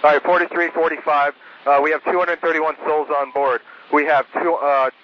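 Male airline pilot on a cockpit headset radio; clipped, steady readouts through a dull, faintly hissing channel. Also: on the high side. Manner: clipped and steady, reporting figures with brief pauses. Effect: cockpit radio transmission over a headset. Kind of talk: radio call to the control tower. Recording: muffled air traffic radio with faint hiss.

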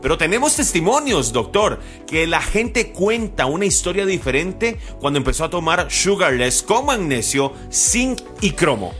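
A man hosting an infomercial with an urgent hard-sell pitch, repeating the phone number again and again. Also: sing-song, moderate pace, few pauses, fairly bright tone, soft background music. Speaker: infomercial host.

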